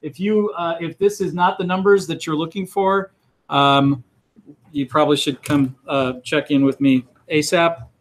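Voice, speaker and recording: A middle-aged college instructor with a voice on the high side calls roll during a classroom lecture, keeping a steady tone and moderate pace. His talk is casual and full of fillers and restarts.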